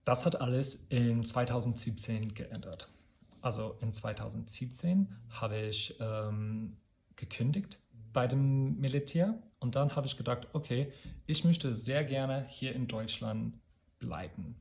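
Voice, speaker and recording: A man from the United States, a native English speaker, talks casually to his channel in halting non-native German with an American accent, often correcting himself as he searches for words. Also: mid-range voice, creaky, a little mellow. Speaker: video channel host. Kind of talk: casual personal vlog monologue.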